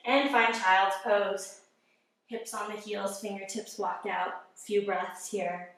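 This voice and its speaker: A woman yoga instructor calmly guiding a workout, giving encouraging breath cues and sounding slightly out of breath. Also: medium pitch, slow. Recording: very echoey room, mic at a distance.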